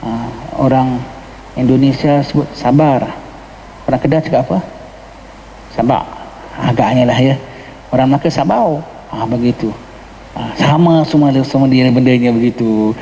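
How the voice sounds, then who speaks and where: A man with a Johor Malay accent delivers a mosque lecture on a religious text, explaining patiently, mixing in English words and asking the listeners "ha?" as a religious teacher would. His mid-range voice is warm and steady, and he talks fairly quickly. The mosque hall gives a long reverb, with slight background noise in the recording.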